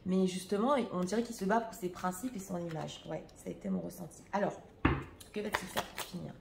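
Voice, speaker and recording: A French-speaking woman, a tarot reader, reads cards for her viewers in a casual, hesitant manner full of fillers and restarts. Her voice is lowish and brisk with vocal fry, and the recording is reverberant with heavy background noise.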